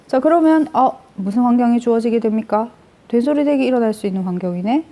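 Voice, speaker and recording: A woman's voice: on the high side, quick pace, mellow. A woman teaching grammar in a step-by-step lecture, asking questions and answering them herself. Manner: explains step by step, asks and answers own questions.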